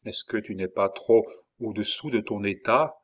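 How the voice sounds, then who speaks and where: A man voicing a lively, affectionate young wife in a novel reading, barely changing his voice. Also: on the low side, moderate pace, lightly acted. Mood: earnest.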